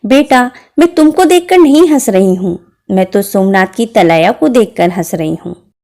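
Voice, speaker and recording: A woman's voice: mid-range voice, animated, normal speed, dark tone, close to an everyday voice. A woman voicing a mother in a folk tale, replying in a light, amused way. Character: mother, a once-old woman made young, amused.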